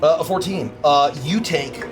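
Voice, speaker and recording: A man's voice: fairly high pitch, measured pace. A man talking casually as a player in a tabletop game, explaining his moves. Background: music.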